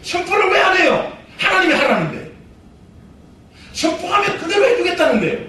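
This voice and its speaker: High-voiced Korean pastor preaching in echoey church. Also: male voice, big pitch swings, a little fast, far from the mic. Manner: emphatic preaching, swings from loud exhortation to quiet asides. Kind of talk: sermon. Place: church sanctuary. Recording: echoey hall, voice heard from afar, faint noise.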